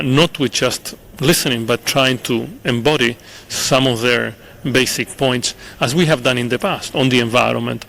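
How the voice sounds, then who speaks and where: Gravelly middle-aged man. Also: mid-range voice, a bit bright, a little hiss or hum. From Chile. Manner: measured, earnest, frequent "uh" pauses, repeats words. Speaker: interview guest, international official. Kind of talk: thoughtful interview answers. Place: conference venue.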